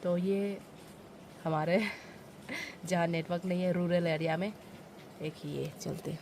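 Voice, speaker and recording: A woman's voice: on the low side, steady tone, slow pace, darkish tone, slight background noise. A young woman with a Northeast Indian accent chatting casually to viewers, explaining village life in a simple way. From Arunachal Pradesh, India. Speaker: village vlogger. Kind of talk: casual chatty vlog narration.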